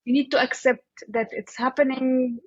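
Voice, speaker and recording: A high-sitting female voice with little pitch movement, from an Egyptian-accented interview guest. She pauses and searches for words, repeating "like" as she thinks out loud in casual conversation. The sound is muffled and a touch roomy.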